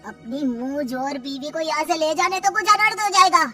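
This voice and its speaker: A woman's voice: sits high, fairly even intonation, normal speed, sharp tone, faint music behind, pitched above the performer's own voice. A woman voicing a stern, angry middle-aged uncle-in-law who scolds harshly. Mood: scolding.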